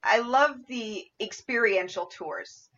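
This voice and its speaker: A woman's voice: on the high side, slow, pushed and bright, dull audio. A woman hosting a podcast interview in a conversational, effusive and appreciative way. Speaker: podcast host.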